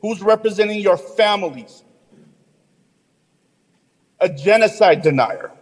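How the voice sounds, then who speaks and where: An indignant man challenges the council during public comment, firing off pointed rhetorical questions. His voice is high for a man. The chamber's long reverb hangs behind his words. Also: slow pace.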